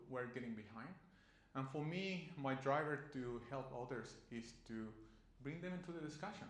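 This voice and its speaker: A man from Chile, giving an earnest conference presentation in loose, restarting phrasing. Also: mid-range voice. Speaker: conference speaker. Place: conference room. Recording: echoey conference room.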